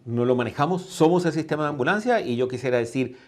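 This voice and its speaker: Calm chile-born emergency expert. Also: male voice, fairly high pitch, fast. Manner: calm, explanatory with fillers. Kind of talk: interview answers.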